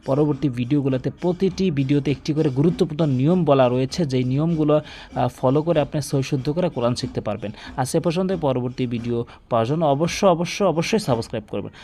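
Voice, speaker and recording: A man giving a recitation lesson, explaining common pronunciation mistakes and then drawing out each word slowly and with stress. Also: medium pitch, mellow. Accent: Bangladeshi Bengali. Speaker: Quran teacher.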